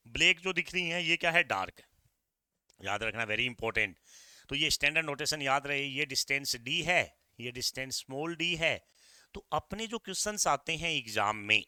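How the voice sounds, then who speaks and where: A middle-aged man with an Indian accent teaching an exam-prep physics lecture, energetic and repeating key points while coaxing his students. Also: mid-range voice, no room sound, clean studio sound.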